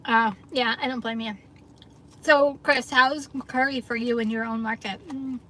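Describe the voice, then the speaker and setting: A woman's voice: a little high, steady tone, unhurried, a bit bright. A middle-aged woman from the New York area hosting a casual livestream from her parked car, chatting upbeat with viewers and laughing often. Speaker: livestream host, gig delivery driver. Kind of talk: casual livestream chat reading viewer comments.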